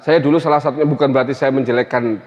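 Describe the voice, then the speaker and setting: A man's voice: medium pitch, fairly even intonation, very fast, darkish tone. A man from Tegal with a Tegal Javanese accent, giving a conversational religious lecture, often tagging phrases with "ya" and "Pak". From Tegal, Central Java. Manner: conversational, many "ya" and "Pak" tags. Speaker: Islamic teacher. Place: mosque hall. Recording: echoey hall, dull sound.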